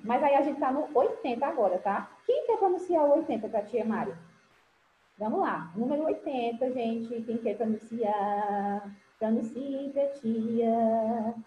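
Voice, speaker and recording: This woman's voice is slightly high with a dark tone. Her Brazilian Portuguese accent colors an online class where she teaches children English numbers and calls them sweet pet names. The recording has the dull, roomy quality of a video call, plus a faint hiss.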